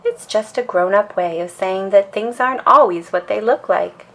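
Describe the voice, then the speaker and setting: A woman's voice: medium pitch, normal speed, fairly bright tone. Woman as a sensible, patient mama bear. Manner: patient, firm, explanatory.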